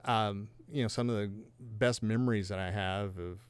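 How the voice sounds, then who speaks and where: Man, 50s, from Georgia and Texas; podcast guest giving his testimony; low, resonant, earnest and reflective with dry self-deprecating humor. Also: fairly even intonation, normal speed, clean tone. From Georgia and Texas, USA. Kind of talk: personal testimony in a podcast conversation.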